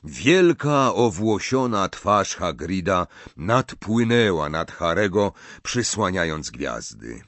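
Man, audiobook narrator, measured expressive reading, lively pitch, dry sound. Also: no room sound. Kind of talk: scripted storybook narration.

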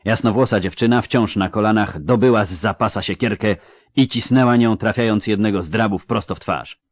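Male narrator, deep, dramatic audiobook read, dry booth. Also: brisk, no echo. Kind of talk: scripted narration.

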